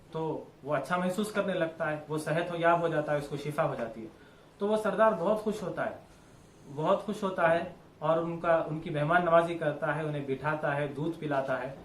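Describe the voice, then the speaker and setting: Man, religious teacher; patient repetitive explainer, fairly high pitch, roomy echo. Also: fairly bright tone, a little hiss or hum. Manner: explains step by step, repeats and rephrases. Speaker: Quran teacher. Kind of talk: religious lesson. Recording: echoey room with faint ambience.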